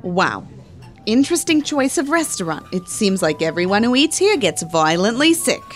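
A woman's voice: medium pitch, big pitch swings, moderate pace, natural voice. A woman playing a good-natured, sardonic reporter in a comic audio drama, talking in a dry, sarcastic way. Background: music.

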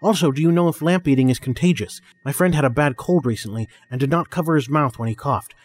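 A man playing an obliging male co-host who reads listener mail in a formal, measured way. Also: a little high, lightly acted. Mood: matter-of-fact.

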